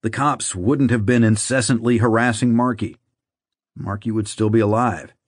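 A man narrating an audiobook in a measured, somber reading. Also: lowish voice, fairly even intonation, slightly rough, no echo, studio quality. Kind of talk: scripted narration.

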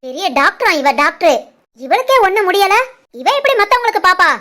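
A woman voicing a spiteful, taunting young sister-in-law in an animated family cartoon, with a Tirunelveli Tamil accent. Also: very high-pitched, brisk, heavily acted. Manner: taunting, accusing.

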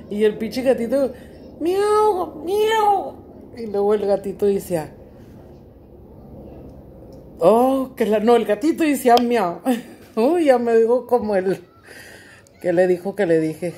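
Chatting to her audience from home, this middle-aged vlogger has a Mexican accent and mixes Spanish with English, full of crude slang and frequent laughter. Her voice sits in the mid range and sounds mellow, with a little hiss or hum on the recording.

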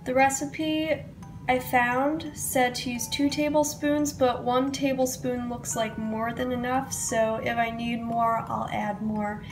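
Sick with a cold, a young adult baking vlogger gives casual recipe narration in a home kitchen. She speaks slowly with fairly even intonation in a fairly high voice, over music, and the recording quality is low.

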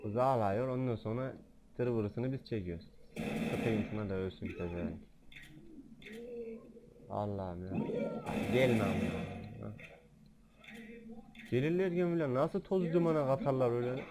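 A man giving let's-play gaming commentary, excitable, joking and swearing freely. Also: medium pitch, a little slow, long pauses, very noisy. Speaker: gamer.

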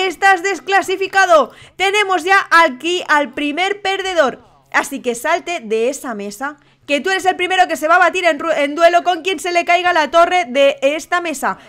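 Excitable high-voiced Spanish woman gamer. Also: normal speed. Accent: Spain Spanish. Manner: excitable, frequent exclamations and laughter. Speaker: gaming YouTuber. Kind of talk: excitable let's-play commentary.

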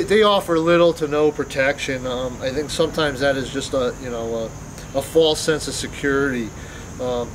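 Middle-aged guy doing a safety talk in a parking lot, lots of ums, slightly high voice, outdoor hum clearly audible. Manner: plain-spoken, lots of ums and restarts. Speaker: company safety presenter. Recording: clear outdoor background noise.

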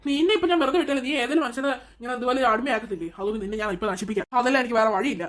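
A woman's voice: a little high, rapid-fire, pitched below the performer's own voice, lightly acted. A woman voicing a commanding male swami who chants spells against a ghost. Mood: stern.

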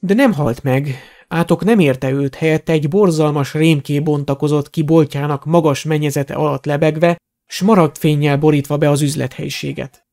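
A man with a fairly high voice narrates a fantasy audiobook. His reading is dramatic and steady, with a clear storytelling cadence. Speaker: audiobook reader.

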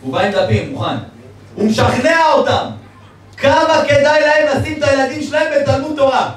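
A male rabbi giving a lively storytelling sermon who keeps acting out the voices in his stories. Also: extremely high pitch. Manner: lively, acts out quoted speech. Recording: very echoey hall, mic far off, faint noise.

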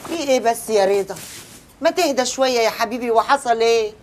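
A woman's voice: on the high side, animated, quick pace, natural voice. An actress playing a middle-aged mother who soothes and coaxes her son, speaking with an Egyptian Arabic accent in a TV comedy series. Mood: coaxing. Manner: coaxing, affectionate. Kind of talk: TV comedy drama acting.

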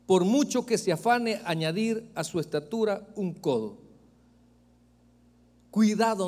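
Pastor guy preaching, high voice, jokey and punchy, long church echo. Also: darkish tone. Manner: emphatic, joking preaching that addresses the congregation directly. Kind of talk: sermon. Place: church sanctuary.

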